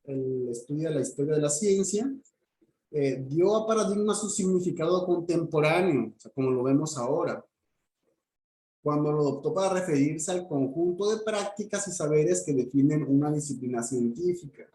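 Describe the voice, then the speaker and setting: A man's voice: on the high side, lively intonation, normal speed, warm tone, roomy sound, slight background noise. A man, lecturing a class and checking in with "¿ok?" as he explains step by step. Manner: explanatory, frequent "¿ok?" check-ins and restarts. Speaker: teacher.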